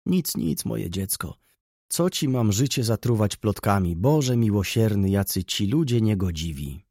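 A man's voice: fairly low pitch, expressive, unhurried, a little mellow, slightly rough, dry recording, studio quality, exaggerated voice. A man reading an audiobook, voicing an anxious, pious elderly mother who laments and frets. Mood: fretful. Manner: fretful, lamenting.

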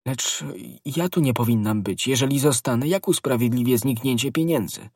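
A man voicing an anxious, loyal young woman in a storybook, with a husky voice raised well above his own. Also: medium pitch, moderate pace, a little mellow, no echo, clean studio sound, pitched above the performer's own voice, natural voice. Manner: pleading, fearful.

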